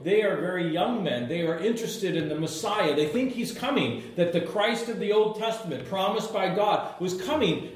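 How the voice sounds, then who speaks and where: A man's voice: fairly high pitch, a little mellow. A man teaching the Bible, explaining scripture emphatically and restating his points for learners. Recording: very echoey room.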